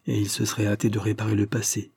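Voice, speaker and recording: A man reading the part of an older lord, mocking and secretive, speaking in a wry, measured way. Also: lowish voice, monotone, vocal fry, darkish tone, husky, dry recording, clean studio sound.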